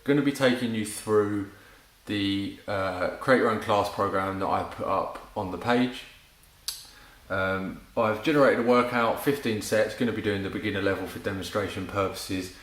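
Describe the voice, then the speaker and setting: Lower-voiced male fitness instructor. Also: normal speed, fairly bright tone, echoey room, rough recording. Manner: casual, encouraging, gives cues while exercising. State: out of breath during exercises. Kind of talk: home workout class demo. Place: at home.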